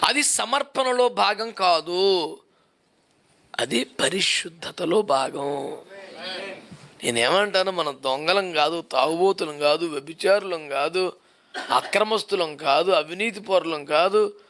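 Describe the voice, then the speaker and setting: A man's voice: high-pitched, takes it slowly, long pauses, fairly bright tone, a little hiss or hum. A male pastor preaching a sermon, driving his points home with repeated rhetorical questions.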